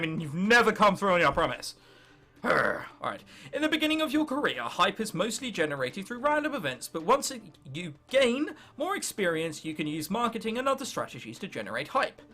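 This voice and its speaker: A young Englishman hosts a gaming video, commentating casually in a high, bright voice that jumps all over in pitch. He's irreverent and sarcastic and frequently addresses the game directly.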